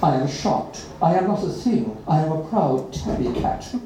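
A reader at an open mic, reading a children's story aloud in an expressive, dramatic way. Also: mid-range voice, moderate pace, a little hiss or hum. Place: live reading event. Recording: echoey room from far off.

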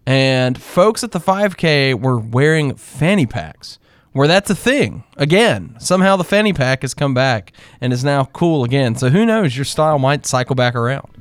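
A man's voice: medium pitch, lively intonation, normal speed, dry recording. A man hosting a podcast in a casual, jokey, chatty way. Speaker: podcast host. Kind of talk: casual interview chat.

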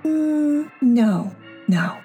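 A woman's voice: high-pitched, animated, drawn-out words, dark tone, faint music behind, pitched above the performer's own voice, full character voice. Woman doing a sing-song teasing girl. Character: playful girl Vaya in costume.

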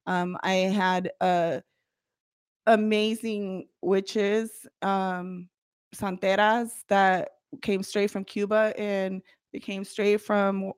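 A woman's voice: mid-range voice, level tone, drawn-out words, clear, resonant tone, dry recording. Woman guest, middle-aged, blunt and profane, dry recording. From United States, parents from Guatemala. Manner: blunt, profane, laughs often. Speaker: podcast guest, practicing witch. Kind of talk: casual podcast chat.

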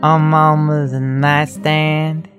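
Scared young boy done by a performer, halting answers, over guitar music. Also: mid-range voice, flat delivery. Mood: timid. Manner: hesitant, slow, frightened.

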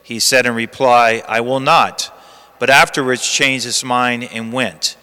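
A man, a priest, reading the gospel and preaching a homily in a measured, emphatic way, his voice carrying a long church echo. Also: medium pitch, fairly even intonation, bright, forceful tone, clean tone. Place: large church. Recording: long cathedral-like church reverb.

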